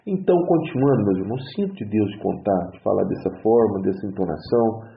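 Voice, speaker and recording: A man's voice: fairly low pitch, animated, fast, gravelly. Brazilian man, religious testimony, earnest and repetitive, phone-like sound, echoey room. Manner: earnest, repeats exhortations over and over. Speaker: church member giving testimony.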